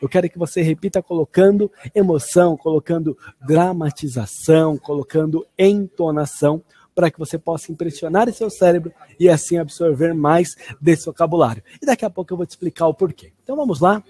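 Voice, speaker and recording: A Portuguese-speaking man teaching an online lesson, upbeat, repeating English phrases slowly and expressively. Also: fairly high pitch, mellow, husky.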